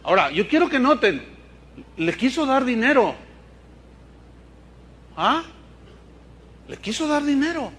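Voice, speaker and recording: A male pastor preaching a sermon, lively, with asides and playful mock dialogue. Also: extremely high pitch, a little slow, long pauses.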